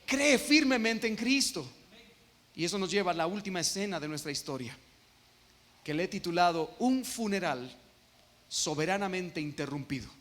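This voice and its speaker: Guatemalan guy preaching a sermon, slows way down to hit key words, big echoey church hall. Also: sits high, a bit bright. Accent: Guatemalan Spanish. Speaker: pastor. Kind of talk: expository sermon. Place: church sanctuary. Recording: long reverb of a church hall.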